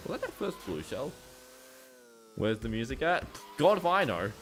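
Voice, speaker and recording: A man's voice: medium pitch, sing-song, normal speed, fairly bright tone, faint music behind. A man hosting a game stream, chatting casually with a friend, laughing often and teasing dryly. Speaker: streamer host.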